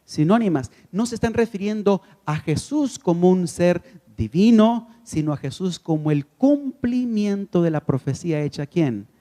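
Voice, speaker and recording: High-voiced man lecturing in a reverberant hall. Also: lively intonation, moderate pace, mellow. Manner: asks the audience rhetorical questions and answers them; emphatic, repeats key phrases. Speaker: conference speaker. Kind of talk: Bible lecture.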